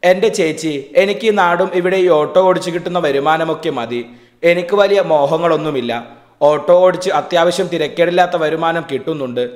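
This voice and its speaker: A man's voice: a little high, natural voice. A man voicing a cheerful, easygoing young male auto-rickshaw driver in a read-aloud story, in an echoey room. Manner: plain, affectionate storyteller reading.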